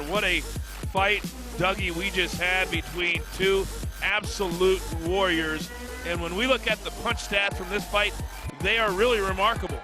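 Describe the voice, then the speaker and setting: A man hosting a live sports broadcast with polished, emphatic presenter delivery. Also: high-pitched. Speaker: fight broadcast host.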